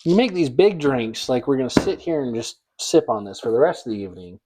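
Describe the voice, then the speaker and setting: A man's voice: mid-range voice, expressive, brisk, background noise. A man co-hosting a casual podcast, teasing his partner in wry banter while tasting drinks. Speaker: podcast co-host. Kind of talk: casual chat.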